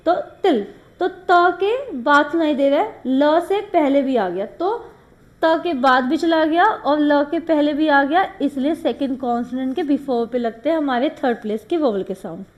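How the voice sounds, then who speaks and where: A woman's voice: sits high, lively intonation, a little slow, muffled recording. A woman teaching shorthand, explaining rules step by step and mixing English terms into Hindi. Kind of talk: classroom lesson.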